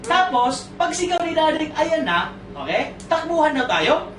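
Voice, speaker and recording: A man's voice: very high voice, moderate pace. A man giving a comic motivational talk to an audience at a sales orientation, teasing them and asking questions. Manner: animated storyteller, teasing, asks the crowd questions; mixes in English phrases. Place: seminar room with audience. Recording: echoey room, far from mic, noisy.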